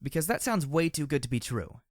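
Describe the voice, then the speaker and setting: A man reading an audiobook, voicing a blunt, scrappy young mare who talks in a halting, questioning, informal way. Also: on the high side, sing-song, dry recording, clean studio sound, voice pushed up. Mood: curious, blunt.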